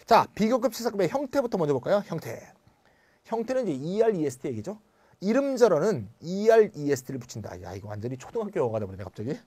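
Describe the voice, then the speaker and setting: Lively, blunt male grammar lecturer. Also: high voice, fast talker. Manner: lively, chatty and blunt, with asides and mild swearing.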